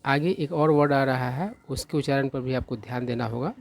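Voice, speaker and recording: A man teaching English vocabulary in Hindi, explaining each word patiently and checking understanding often. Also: mid-range voice. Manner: slow, patient explaining, repeats "ठीक है" checks; carefully spells out pronunciation.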